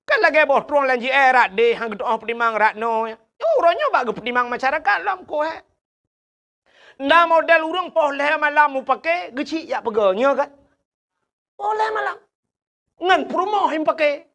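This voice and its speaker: A man's voice: extremely high pitch, normal speed, creaky, pushed and bright. A man preaching a humorous village sermon with an Acehnese accent, telling stories and acting out villagers' dialogue. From Aceh.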